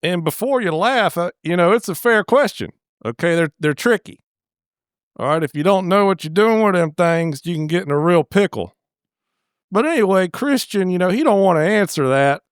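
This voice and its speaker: A man's voice: sits high, lively intonation, normal speed, clean tone, no room sound, studio quality. A middle-aged man rambling through a crude, folksy movie recap, full of "uh" and asides. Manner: rambling, crude, down-home, lots of "uh". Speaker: channel host.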